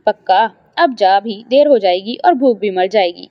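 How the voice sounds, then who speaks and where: A woman's voice: mid-range voice, animated, no room sound, close to an everyday voice. A woman doing a doting, weary mother. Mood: tender. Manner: tender, soothing. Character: loving middle-aged mother, weary, doting on daughter. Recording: dry, slightly dull lo-fi.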